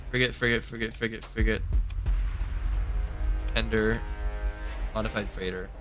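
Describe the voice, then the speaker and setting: A man's voice: medium pitch, bright, forceful tone. A young man streaming a space strategy game, thinking aloud and mocking his own mistakes with frequent exclamations. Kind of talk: casual gameplay commentary.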